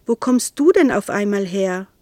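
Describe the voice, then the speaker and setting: A woman's voice: mid-range voice, expressive, normal speed, dark tone, no room sound, studio quality, lightly acted. Woman doing a doting cheerful lady. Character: fond, cheerful blonde woman.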